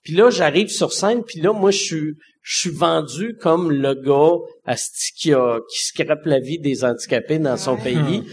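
A man in his forties with a Québécois accent, a stand-up comedian telling a story in casual talk, swearing freely and dropping low for punchlines. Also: a little slow, hardly any pauses, a little hiss or hum. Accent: Québécois French. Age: 40s.

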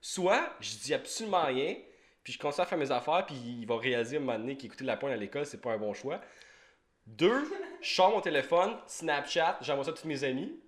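A man's voice: mid-range voice, animated, fast. A young man with a Québécois French accent hosting a casual podcast, rambling and repeating himself as he talks. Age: young adult. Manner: rambling, self-interrupting, repeats words. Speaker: podcast host. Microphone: home podcast mic.

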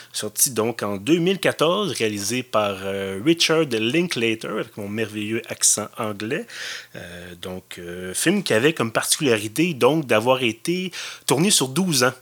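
A man's voice: mid-range voice, fairly bright tone. A man with a Quebec French accent talks through a film on his own podcast. His delivery is loose and conversational, and he circles back as he hunts for the right word. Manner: rambling, loose and conversational, often searching for words. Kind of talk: casual solo podcast commentary.

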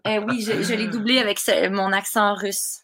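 Bright-voiced Québécois woman, chatty. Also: medium pitch, normal speed. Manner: chatty, lively, laughs often. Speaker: guest, dubbing actress. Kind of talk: casual interview chat.

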